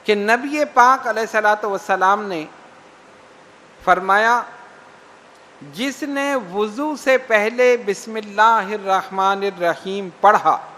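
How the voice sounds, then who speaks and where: High-voiced bright male preacher, reverberant hall. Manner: slow, emphatic preaching with recited hadith. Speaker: Islamic preacher. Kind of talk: sermon.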